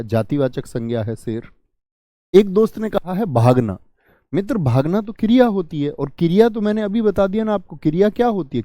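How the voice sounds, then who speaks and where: Male teacher, online grammar lesson, asks questions and answers them, warm tone, dry close sound. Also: a little high, dry recording. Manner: questions students and answers himself.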